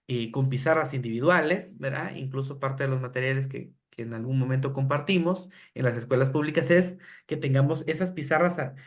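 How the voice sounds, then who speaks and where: A middle-aged man with a Guatemalan Spanish accent and a mid-range voice lectures on teacher training. He explains step by step, often asking rhetorical questions tagged with "¿verdad?", and acts out classroom phrases in a raised voice.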